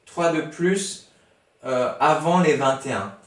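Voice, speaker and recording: A man's voice: on the high side, slow. A man teaching a lesson, spelling words out letter by letter and patiently repeating each one as he thinks aloud. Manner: patient, repeats each word several times. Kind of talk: explaining a language lesson to a class. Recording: echoey room, voice far from the mic.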